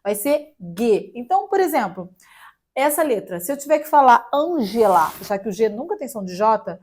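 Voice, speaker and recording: A woman's voice: fairly high pitch, big pitch swings, darkish tone. Chatty Brazilian woman teaching German. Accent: Brazilian Portuguese. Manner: chatty, spells letters out slowly, jokes lightly. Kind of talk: casual online language lesson.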